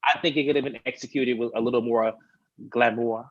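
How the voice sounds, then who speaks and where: A man's voice: mid-range voice, steady tone, fairly quick, no room sound. Guy on a recap panel, kinda unsure, laughs it off, dry muffled mic. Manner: hedging, laughs nervously. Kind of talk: casual recap chat.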